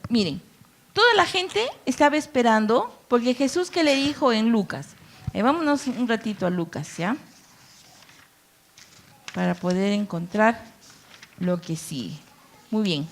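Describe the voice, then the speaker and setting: A woman pastor delivers a sermon in a slightly high voice. She talks with her congregation as much as at them, asking rhetorical questions and briefly acting out the people in her stories. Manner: conversational preaching with rhetorical questions; acts out quoted voices with playful asides.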